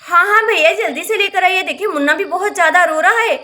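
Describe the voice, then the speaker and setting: A woman voicing a lively, impatient young village girl who keeps urging others on, in a doll-play story. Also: very high voice, fast talker. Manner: pushy, urging.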